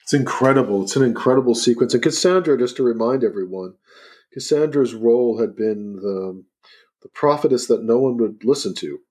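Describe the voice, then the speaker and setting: A man hosting a relaxed talk, chiming in with agreement and short follow-up questions. His voice has an ordinary middle pitch. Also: a little fast. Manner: affirming, asks clarifying questions. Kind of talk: casual conversational interview.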